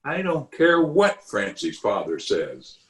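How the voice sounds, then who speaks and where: Playing a blustering, pompous middle-aged uncle in an old-time radio comedy, a man stretches his words out with indignation. His pitch is medium but swings wildly, and the audio comes from a remote home setup over a video call.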